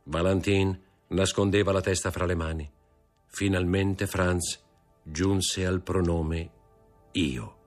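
Deep-voiced man reading a classic novel. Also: faint music behind. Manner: measured, expressive literary reading. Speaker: audiobook narrator.

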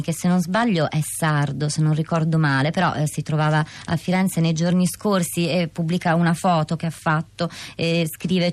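A woman reads messages aloud as a radio co-host. Her voice is low for a woman and recorded dry in a studio. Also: darkish tone, no echo. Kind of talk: reading messages aloud on air.

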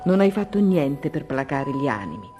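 A woman's voice: a bass voice, big pitch swings, normal speed, over music. A woman playing a female guardian in a comic sketch, lyrical and reproachful. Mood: lyrical scolding. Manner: lyrical, scolding. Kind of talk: comic radio sketch acting.

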